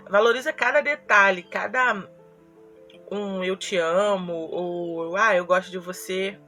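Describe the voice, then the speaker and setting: A woman's voice: medium pitch, sharp tone. A young woman from Brazil, a YouTuber telling a personal story in a confessional vlog, earnest and acting out her own quoted words.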